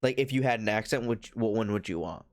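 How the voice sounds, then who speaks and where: A young man with a fairly low voice co-hosts a relaxed podcast conversation. He talks in an easygoing, halting way full of fillers. The sound is dry, with no room around it. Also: no echo. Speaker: podcast co-host. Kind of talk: casual chat.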